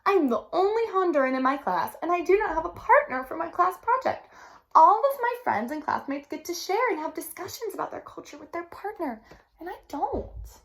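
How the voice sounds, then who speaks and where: A woman's voice: extremely high pitch, big pitch swings, fairly quick, a bit bright, pitched above the performer's own voice, exaggerated voice. A woman voicing a shy young schoolgirl in a storybook read-aloud. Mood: upset. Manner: upset, pleading.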